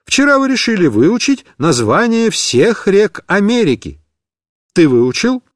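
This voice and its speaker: A man's voice: high voice, sing-song, measured pace, no echo, clean studio sound, pitched above the performer's own voice. A man reading a story aloud and voicing a stern, irritable woman schoolteacher who scolds and insists on answers. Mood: scolding.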